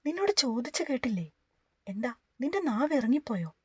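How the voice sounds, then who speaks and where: A woman reading the part of an angry, short-tempered man who scolds quickly in a storybook reading. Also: sits high, big pitch swings, breathy edge, no echo, studio quality, full character voice. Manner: shouting, scolding fast.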